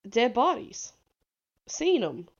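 A woman's voice: fairly high pitch, sing-song, slow pace, highs cut off, noisy background. A young woman from the American South with a Southern accent, co-hosting a podcast and telling a story in a rambling, giggly way. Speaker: podcast co-host. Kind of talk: casual chat.

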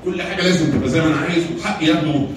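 A man with an Egyptian Arabic accent gives a church lecture on handling anger, rattling through his points at high speed. He keeps putting rhetorical questions to his listeners and repeating key phrases. He is recorded from far off in a very echoey room. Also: fairly even intonation, rapid-fire, a little hiss or hum. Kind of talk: talk on anger management with slides.

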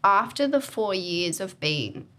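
A woman's voice: mid-range voice, takes it slowly. A woman in her twenties, a podcast guest, talking candidly and animatedly in casual chat. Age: 20s. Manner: candid, animated, acts out quoted voices.

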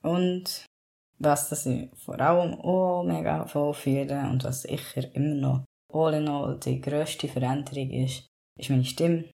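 Gravelly-voiced non-binary vlogger. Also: medium pitch, steady tone, unhurried, dark tone. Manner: candid, rambling, many fillers. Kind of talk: casual personal vlog monologue.

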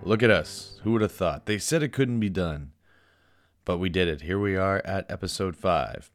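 Deep-voiced young Canadian man podcasting. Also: moderate pace, no room sound, faint music behind. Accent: Canadian English. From Ontario, Canada. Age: 20s. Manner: chatty, informal, playfully self-deprecating. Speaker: sports podcast host. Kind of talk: casual solo hockey podcast commentary. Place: basement den at home.

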